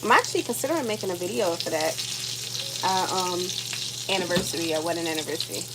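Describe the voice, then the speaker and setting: Cooking at home while talking to her viewers, a tired vlogger in her thirties rambles casually, full of fillers, as a pan sizzles in the background. Her fairly low voice is expressive, and she speaks at a quick pace.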